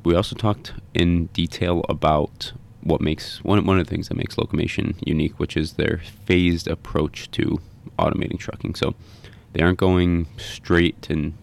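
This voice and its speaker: A man hosting a podcast interview, talking in a halting way and often repeating words. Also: deep voice, vocal fry. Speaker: podcast host.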